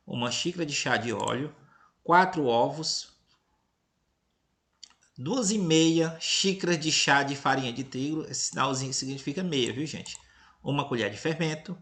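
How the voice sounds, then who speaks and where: Reading a lesson to children, a Brazilian teacher from Tocantins speaks at medium pitch with a fairly bright tone and a Brazilian Portuguese accent. He is patient and playful, frequently asking "entendeu?" and "beleza?" to see if they follow and teasing them about giving away answers.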